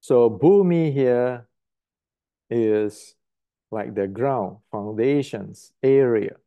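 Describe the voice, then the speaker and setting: Older guy teaching martial arts, blunt and emphatic, talks slow, repeats words. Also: medium pitch, narrow, tinny audio. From Indonesia. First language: Indonesian. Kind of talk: lecture to camera.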